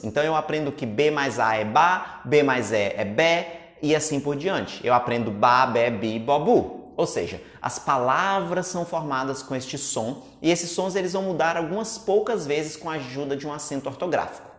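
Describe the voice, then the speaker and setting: A teacher from Brazil talks viewers through a video lesson with an upbeat, chatty Brazilian Portuguese accent. The voice sits at a middle pitch. The room gives the voice a noticeable echo. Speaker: English pronunciation teacher.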